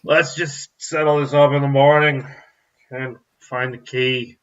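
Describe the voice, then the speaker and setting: A man's voice: medium pitch, flat delivery, measured pace, clean tone, lo-fi sound, close to an everyday voice. A man puts on a drunk innkeeper for a tabletop game. He groans as he calls it a night, weary and sloshed. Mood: tipsy weary.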